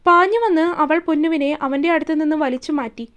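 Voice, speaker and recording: A woman storyteller reading a romance story aloud in a steady, expressive way. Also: high voice, fast talker, dull audio.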